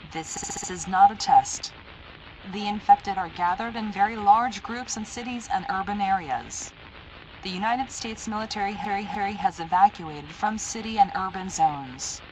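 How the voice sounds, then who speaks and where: A woman announcer reads a scripted emergency alert in a formal, impersonal delivery that sounds automated. Her voice is medium in pitch with a darkish tone. The recording is a noisy analog horror-style alert broadcast.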